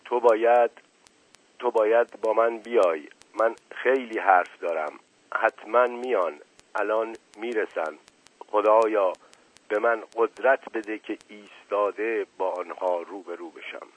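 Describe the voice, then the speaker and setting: A man's voice: lowish voice, dry recording, close to an everyday voice, low-quality recording. A man playing a frail, trembling old man. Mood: feeble. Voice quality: trembling, moaning voice.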